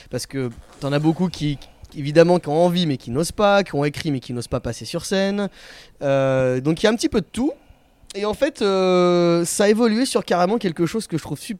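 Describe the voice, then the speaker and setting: Man telling stories with animated warmth. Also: a little high, no room sound. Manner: animated storyteller, many hesitations. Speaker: guest, comedy night organizer. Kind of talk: casual interview chat.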